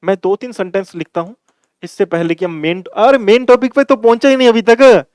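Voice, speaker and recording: A man's voice: high-pitched, brisk, darkish tone, clean tone, dry recording. A man teaching an English grammar lesson in a classroom style, calling viewers his dear children and repeating points for emphasis.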